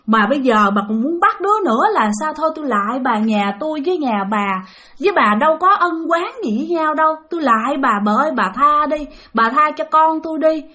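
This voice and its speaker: A woman's voice: sits high, lively intonation, brisk, pushed and bright, voice pushed up. A woman voicing a desperate old grandmother, begging tearfully for her family. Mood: pleading.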